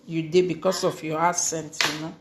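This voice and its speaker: A woman's voice: low-pitched, flat delivery, brisk, a crowd in the background. A woman with a Nigerian accent chatting casually in Nigerian Pidgin, explaining things and repeating phrases for emphasis. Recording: echoey room.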